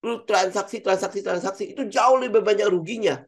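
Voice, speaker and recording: A middle-aged man with a Jakarta slang accent giving blunt, animated casual commentary as a trading educator. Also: high-pitched, a little fast.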